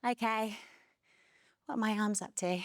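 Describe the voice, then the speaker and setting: A woman's voice: fairly high pitch, measured pace, dry recording, studio quality. A young adult woman leading a barre workout class, energetically counting reps and cueing moves while a little out of breath. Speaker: fitness instructor.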